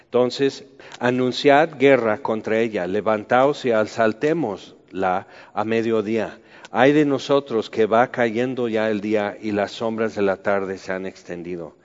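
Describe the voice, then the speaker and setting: A man with a fairly low voice preaches at a measured pace, reading Bible passages aloud and then commenting on them loosely and conversationally. The recording is dull and roomy, with a long reverb.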